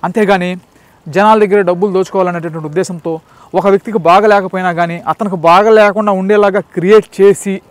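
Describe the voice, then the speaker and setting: A man delivers a preachy monologue to camera, circling back to the same points and throwing out rhetorical questions. His voice sits high, and the close, dry recording has almost no room sound. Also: fairly even intonation, fairly quick, no room sound. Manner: repetitive, lecturing, rhetorical questions. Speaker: channel host. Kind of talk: casual talking-to-camera monologue.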